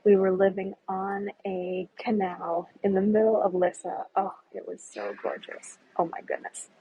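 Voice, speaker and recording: A woman working as a tour guide, chatting enthusiastically with live viewers in a breathy voice that is sometimes kept soft. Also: medium pitch, measured pace, narrow, tinny audio, slight background noise. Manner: speaks softly at times. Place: inside a large stone cathedral. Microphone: handheld phone without stabilizer.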